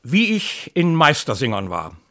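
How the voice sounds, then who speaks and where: A middle-aged man reading an introduction and then telling a story with measured, lively delivery. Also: mid-range voice. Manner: measured, lively storytelling, slips into dialect for the tale. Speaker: narrator and reader.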